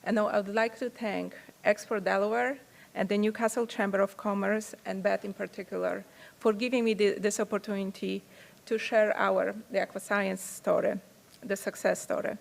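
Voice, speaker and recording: A Polish woman in her forties, a company founder, delivers an earnest prepared speech with a Polish accent at a podium microphone in a large conference hall. Her mid-range, creaky voice holds a steady tone at normal speed. She reads with small restarts.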